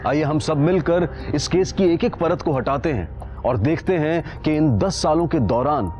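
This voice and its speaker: A man's voice: a little high, expressive, unhurried, a little mellow, muffled recording, soft background music. A man giving grave, dramatic narration for a crime show, asking probing rhetorical questions.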